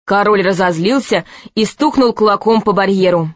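Female audiobook narrator, expressive storybook reading, middle-pitched voice, dry close sound. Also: moderate pace, dry recording. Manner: expressive, lively character reading.

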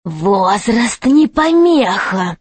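A woman voicing a cruel scheming bishop in a storybook reading, speaking slowly and spitefully. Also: mid-range voice, sing-song, slightly rough, dry recording, full character voice. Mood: vindictive. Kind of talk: audiobook character voice.

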